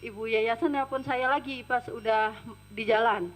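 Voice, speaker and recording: A tearful woman gives testimony as a domestic worker. Her voice sits a little high. She recounts events step by step and keeps quoting what others said. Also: fairly even intonation, normal speed, poor audio.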